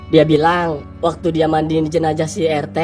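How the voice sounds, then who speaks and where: A woman's voice: low-pitched, little pitch movement, normal speed, warm tone, natural voice. A woman voicing an easygoing village shopkeeper man, teasing and gossipy, in a school cartoon. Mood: gossiping. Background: background music.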